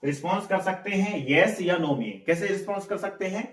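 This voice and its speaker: High-voiced man teaching in an echoey room. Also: a little fast. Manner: repeats words and quizzes the listener. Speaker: English teacher. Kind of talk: spoken English lesson. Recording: echoey room, mic at a distance.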